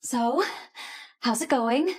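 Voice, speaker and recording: Casting: desperate young schemer, high voice, unhurried delivery, soap-style melodrama. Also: female voice, animated, a little mellow. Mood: scheming, pleased. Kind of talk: melodramatic short-form drama acting.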